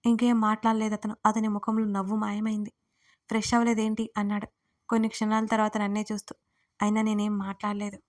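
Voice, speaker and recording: A woman telling a first-person audio story in a steady, even storytelling manner, turning to speak directly to listeners. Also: medium pitch, fast talker.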